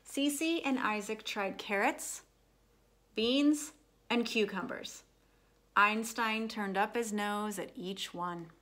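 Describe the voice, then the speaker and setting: A female storyteller reads a children's picture book aloud at a medium pitch, phrasing each line expressively and deliberately for young listeners.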